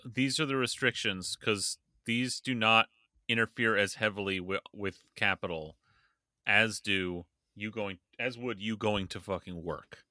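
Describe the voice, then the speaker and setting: A man's voice: lowish voice, unhurried, bright, forceful tone, dry recording, clean studio sound. A man co-hosting a casual political chat podcast, blunt and profane, with a sarcastic edge. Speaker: podcast co-host.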